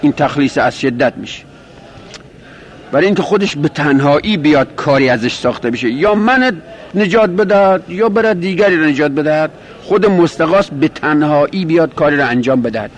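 A man teaching a grammar lesson, explaining step by step, asking and answering his own questions, and slowing down to repeat quoted phrases. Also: fairly high pitch, expressive. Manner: repeats and rephrases terms, slows on quoted Arabic. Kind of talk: classroom lecture explaining a grammar text.

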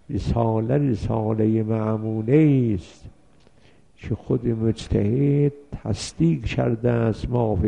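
Gravelly dark-voiced man teaching law. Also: medium pitch. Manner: reads Arabic text then explains it, with worked examples. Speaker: seminary teacher. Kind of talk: religious law lecture. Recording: dull lo-fi recording.

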